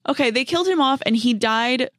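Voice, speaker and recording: A woman's voice: high-pitched, animated, a little fast, fairly bright tone, no echo, studio quality. A woman co-hosting a casual movie podcast, chatty and hedging with fillers. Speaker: podcast co-host.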